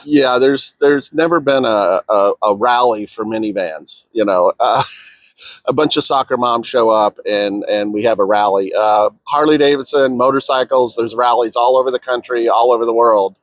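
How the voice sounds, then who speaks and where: A man with a mid-pitched voice chats and jokes about biker culture, often pausing on fillers. His voice sounds dry and close to the mic. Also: no room sound. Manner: chatty, joking, many fillers. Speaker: motorcycle owner.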